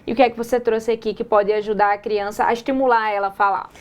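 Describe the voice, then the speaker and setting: A woman host with a Brazilian Portuguese accent, interviewing a guest in a TV studio, quick and affirming. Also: fairly high pitch, steady tone, a little hiss or hum. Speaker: TV show host.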